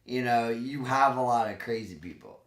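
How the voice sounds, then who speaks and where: A man's voice: medium pitch, moderate pace. A man telling a story in a casual podcast chat, hesitant, with many likes. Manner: chatty, hesitant, lots of likes. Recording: echoey room.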